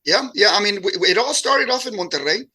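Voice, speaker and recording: A man in his late forties, born in Mexico and raised in Houston, chatting as a musician guest in a relaxed interview and often repeating words as he talks. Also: high voice, a little fast, breathy edge. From born in Mexico, raised in Houston, Texas. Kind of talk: casual interview chat.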